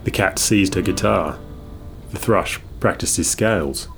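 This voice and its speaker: A man reading a children's storybook aloud in a measured, expressive way. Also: low-pitched, gravelly, slight background noise. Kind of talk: scripted storybook narration. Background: guitar music.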